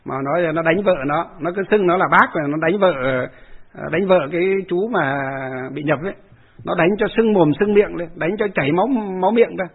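A fairly high, husky male voice, a Buddhist monk rambling through a story with fillers and repetitions. The sound is narrow and phone-like, as if heard over a radio. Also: a little fast. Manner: rambling, with many filler sounds and repeated phrases.

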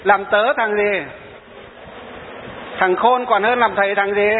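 Male monk, high voice, preaching with stories; tinny recording, faint hiss. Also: fairly even intonation, slow. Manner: storytelling, quoting followers and answering rhetorical questions. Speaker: Buddhist monk. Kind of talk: sermon. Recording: tinny phone-like sound in a reverberant hall.

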